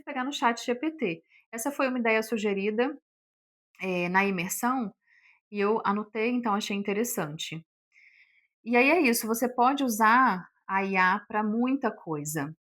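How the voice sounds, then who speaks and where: A woman teaching a relaxed online class on selling. She talks in a chatty, everyday way, her voice sitting in a middle pitch. She leans on fillers and acts out example lines as she goes. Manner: chatty, explains with sample phrases, many fillers. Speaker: sales instructor. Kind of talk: casual online lesson.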